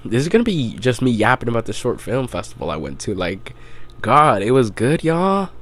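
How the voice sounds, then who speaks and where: A man's voice: medium pitch, sing-song, moderate pace, fairly bright tone. A young man hosting a podcast, casually recapping a story in a loose, rambling way full of "like" and the odd swear word. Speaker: podcast host.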